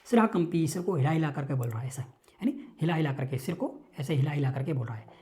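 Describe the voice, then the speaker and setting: A woman teaching Sanskrit in an online lecture, explaining a text slowly, repeating terms and checking that listeners follow. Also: low-pitched, expressive, mellow.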